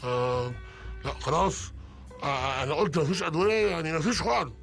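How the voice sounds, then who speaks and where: Smooth-talking bank robber, Egyptian accent, coaxing, quick. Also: male voice, a little high, music in the background. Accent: Egyptian Arabic. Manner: bossy with hostages, coaxing with his partner.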